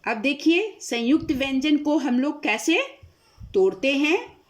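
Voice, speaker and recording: A woman teacher talks through a grammar lesson at a slow, careful pace. Her voice sits a bit high and moves a lot in pitch. She keeps asking a question and then answering it herself. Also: animated. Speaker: school teacher.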